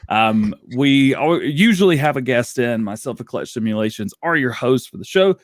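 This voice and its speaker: A man hosting a casual podcast chat, animated and laughing a lot. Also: mid-range voice, moderate pace, no echo, studio quality. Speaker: show host.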